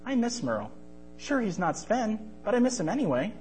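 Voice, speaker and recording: A wide-eyed young boy from a storybook, whiny when he is hungry and bouncy when he is happy, speaking in a raised voice, as a man acts him out. Soft music sits behind. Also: high-pitched, big pitch swings, normal speed, pitched above the performer's own voice, rough recording. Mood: eager.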